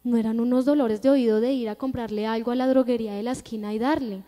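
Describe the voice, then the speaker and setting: Colombian woman preacher, high mellow voice, earnest storytelling testimony, long church reverb. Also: fairly even intonation, quick pace. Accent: Colombian Spanish. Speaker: church speaker giving testimony. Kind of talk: testimony sermon. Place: church hall.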